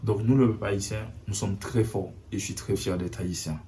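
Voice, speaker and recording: A man's voice: on the low side, steady tone, normal speed, warm tone. A young man from Haiti speaking earnestly to camera in a personal video message, often repeating himself to drive his point home. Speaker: vlogger. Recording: faint guitar music behind.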